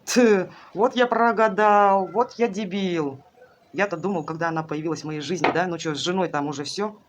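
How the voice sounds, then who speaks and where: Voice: medium pitch, moderate pace, natural voice. A tarot reader voicing a disappointed middle-aged husband who grumbles coarsely in the first person about his regrets. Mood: rueful. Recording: noisy recording with clicks.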